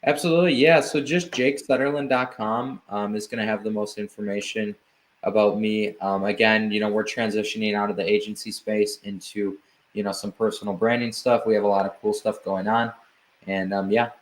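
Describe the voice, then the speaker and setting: A man who founded an agency, a podcast guest explaining his work in relaxed casual chat, with many fillers. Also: lowish voice, a little fast.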